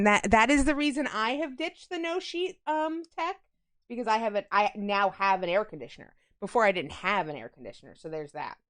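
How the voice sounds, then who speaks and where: A high-pitched woman with a Long Island accent talks to her viewers as she bakes. She chats casually, greets people by name and wanders into rambling asides between steps. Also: fairly bright tone. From New York. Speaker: livestreamer baking on stream. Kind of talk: casual chat while baking.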